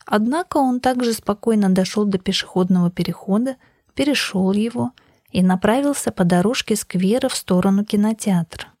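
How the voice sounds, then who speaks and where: Female audiobook narrator, mid-pitched, measured and even, close dry recording. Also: no room sound. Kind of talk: scripted first-person narration.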